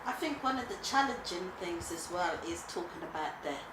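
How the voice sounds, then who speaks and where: A woman's voice: on the low side, animated, moderate pace. Emotional woman in an echoey room. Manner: warm, emotional, laughs easily. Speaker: interviewee, mother and grandmother. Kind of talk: casual documentary interview. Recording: echoey room with background noise.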